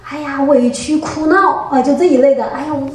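A woman giving a spoken church testimony, telling her story in a lively way, often laughing and stretching out her sentence particles. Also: high voice, fairly quick. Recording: very echoey room, distant mic.

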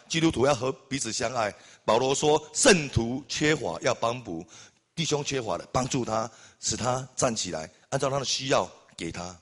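Man, preacher, sermon, impassioned, loud exclamations. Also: mid-range voice. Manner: impassioned, building to loud exclamations with repeated amens.

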